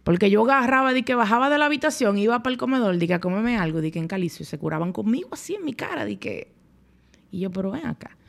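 A woman's voice: fairly high pitch, expressive, quick pace, creaky. A young Dominican woman speaking as a podcast guest, telling her story bluntly in casual, colloquial speech. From Dominican Republic. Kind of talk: candid conversational storytelling.

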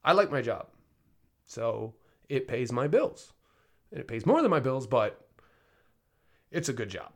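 A man in his thirties speaks candidly as a podcast host, in a loose, rambling monologue. He talks in a middle pitch and keeps correcting himself and filling pauses as he goes. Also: big pitch swings. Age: 30s. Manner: candid, rambling, frequent fillers and self-corrections. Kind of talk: casual personal monologue.

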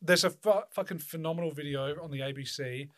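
A man's voice: a little high, fairly quick, no echo, clean studio sound. An Australian man hosting a casual chat, rambling loosely and swearing freely.

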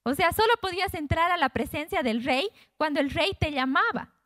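A woman's voice: sits high, animated, a little fast, bright, forceful tone, dry recording, clean studio sound. A woman giving an informal Bible teaching, reading passages and retelling them in her own conversational words.

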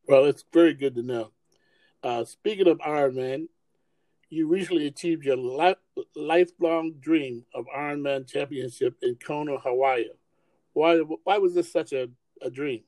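A man's voice: a little high, moderate pace, warm tone, no room sound, rough recording. A man hosting a podcast interview, asking friendly questions with some hesitant restarts. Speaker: podcast host.

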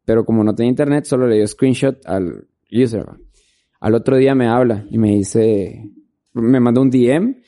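This videographer guest speaks at normal speed in a dark, mid-range voice. Chatting casually in the interview, he drifts through his stories with lots of filler words.

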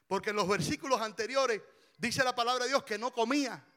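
Shouting passionate male preacher, high voice. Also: fairly quick. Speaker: pastor. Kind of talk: sermon.

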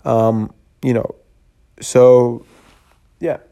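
A man's voice: mid-range voice, flat delivery, very slow, dark tone, smooth. A man hosting a solo podcast, talking in an earnest, rambling way with many fillers and restarts, tired and yawning. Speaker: podcast host. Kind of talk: casual solo podcast monologue.

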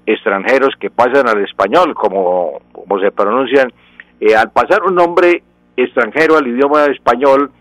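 A man's voice: medium pitch, fairly bright tone, dry recording, dull audio. Colombian male language professor, radio guest, patient teaching tone, dry close mic. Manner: didactic, gives examples, frequent self-corrections. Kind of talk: explaining on a radio talk show.

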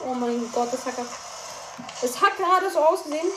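A high-voiced woman commentating her own gameplay, excitable and quick to shout at every goal or miss. Her voice bounces around an echoey room. A clear layer of background noise runs underneath. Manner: excitable, shouts and cries out at plays, chatty asides to listeners. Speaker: gaming streamer.

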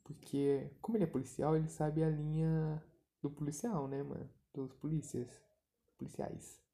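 Gravelly Brazilian guy, rambling profane recap. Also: fairly high pitch, little pitch movement, moderate pace, mellow. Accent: Brazilian Portuguese. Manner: rambling, slangy, swears freely. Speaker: movie retelling vlogger. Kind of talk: casual profane movie recap.

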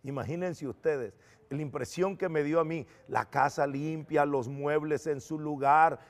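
A man's voice: on the high side, a little slow. Earnest middle-aged man telling his testimony. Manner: earnest, animated storytelling with quoted dialogue. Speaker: preacher giving testimony. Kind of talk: personal testimony.

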